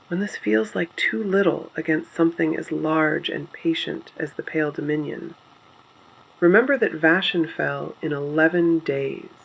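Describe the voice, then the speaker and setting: The performer takes on the role of a solemn, determined resistance radio host in a dystopian drama, delivering short phrases gravely and deliberately with a quietly defiant mood. The voice is mid-range, and the recording's highs are cut off.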